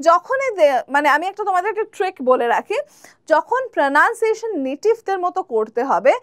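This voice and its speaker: A woman teaching spoken English, slowly modelling pronunciations and asking viewers to repeat after her. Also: sits high, dry recording, clean studio sound. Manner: slow, drawn-out model pronunciations, then quick explanations; addresses viewers directly, asks them to repeat and comment.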